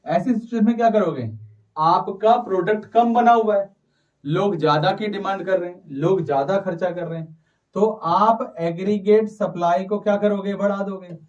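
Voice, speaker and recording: A man teaching an online economics class, urging students to answer fast and mixing Hindi with English terms. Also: high voice, far from the mic, muffled recording. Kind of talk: live online class lecture.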